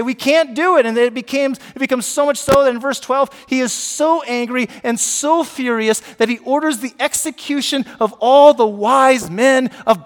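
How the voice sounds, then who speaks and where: A man preaching a sermon as pastor, animated and often asking his congregation questions. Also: extremely high pitch, in a large hall. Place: church sanctuary.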